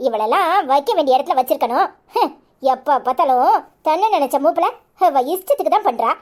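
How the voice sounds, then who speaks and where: In a cartoon, a woman voices a quarrelsome young village wife who scolds with angry sarcasm in a Kanyakumari Tamil accent. Her high voice leaps up and down as she nags, brisk, expressive, and a little mellow.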